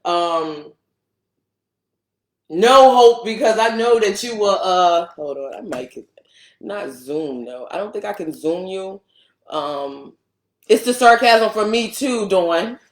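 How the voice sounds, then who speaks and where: A woman's voice: medium pitch, expressive, slow, slight background noise. A woman co-hosting a casual live stream, teasing her partner and reading viewer comments aloud. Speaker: co-host of a couple's live stream. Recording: roomy echo.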